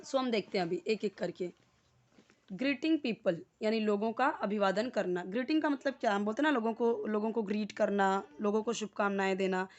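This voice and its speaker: A woman with an Indian accent teaching an English lesson, reading English sentences slowly and explaining them word by word, with many "uh" fillers. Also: medium pitch, muffled recording. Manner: frequent "uh" fillers when speaking English.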